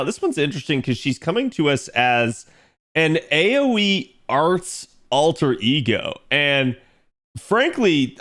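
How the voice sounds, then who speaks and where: A male streamer with an ordinary mid-pitched voice talks through a game analysis in a relaxed, conversational way. He addresses his viewers directly as he goes.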